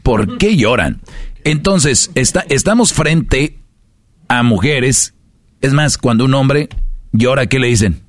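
A man's voice: mid-range voice, animated, slow pace, pauses often, dry recording. A man with a Mexican Spanish accent hosting a casual podcast, lecturing his listeners with rhetorical questions. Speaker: podcast host.

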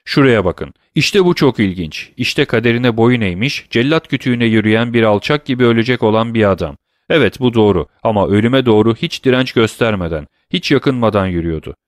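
A man's voice: medium pitch, animated, a little fast, no room sound, studio quality, close to an everyday voice. A man reading as a cold, scornful count. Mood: sardonic. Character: cold, sardonic aristocratic count, male, scornful of mankind.

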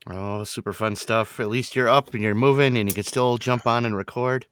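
A man hosting a casual group podcast, chatty and quick to laugh, often restarting his sentences. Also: medium pitch, steady tone, fairly bright tone, clear, resonant tone, no echo, studio quality. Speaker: podcast host.

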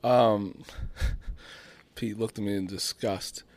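A man's voice: lowish voice, steady tone, drawn-out words, dry recording. Rambling, swearing young man telling a story. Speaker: podcast host. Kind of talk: casual chat.

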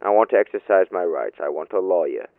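A cornered landlord protests his innocence and demands a lawyer, as a man acts him out. His voice sits very low with a gravelly edge. He stammers defensively through this amateur audio drama. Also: expressive, quick pace, dry recording, phone-quality sound. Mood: indignant. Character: evasive male landlord suspect under interrogation.

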